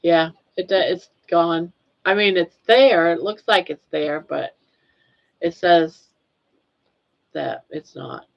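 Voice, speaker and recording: The host here is an older woman from Maine, USA, casually reading comments on her livestream with plenty of rambling and easy laughter. Her voice sits lowish and gravelly, slow, with long pauses. Dull lo-fi stream audio carries it.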